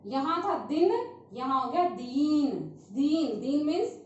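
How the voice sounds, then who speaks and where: A woman teacher giving a primary school lesson on vowel signs, patiently repeating each sound slowly and checking in often. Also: high-pitched, animated, slight background noise. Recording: distant, very echoey, dull lo-fi sound.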